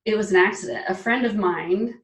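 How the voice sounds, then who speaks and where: A lively, emphatic woman in her forties talks about personal style as an interview guest, mid-pitched and often laughing. Her voice sits some way from the microphone, so it sounds distant. The room adds a noticeably echoey tail. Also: brisk. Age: 40s. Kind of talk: casual interview chat.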